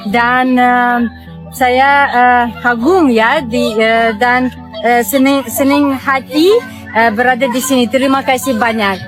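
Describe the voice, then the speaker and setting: Halting Russian woman, searching for words. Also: a little high, steady tone, music in the background. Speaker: interviewee.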